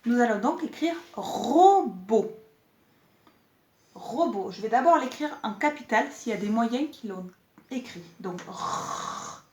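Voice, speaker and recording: A woman teaching young children in a lesson video, talking slowly and articulating each sound clearly, with an encouraging manner. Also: a little high, lively intonation, dark tone.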